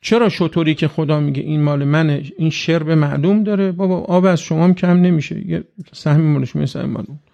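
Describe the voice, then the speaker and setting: Gravelly-voiced man giving a religious lecture. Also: on the high side, few pauses, mellow, muffled recording. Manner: rhetorical questions, conversational. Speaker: cleric.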